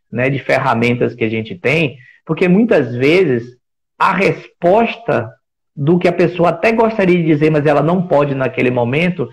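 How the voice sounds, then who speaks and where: Brazilian man, higher voice, reflective. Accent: Brazilian Portuguese. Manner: reflective, searching for words, with frequent restarts; builds points with rhetorical questions. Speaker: speaker on workplace listening. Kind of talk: explanatory talk in a live stream.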